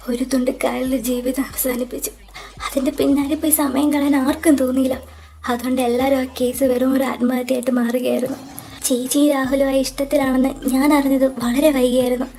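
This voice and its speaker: A woman voicing a young college girl who is a loyal, wronged younger sister in an audio drama, speaking softly and breathily, near tears. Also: high voice. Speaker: voice actor in fan audio drama.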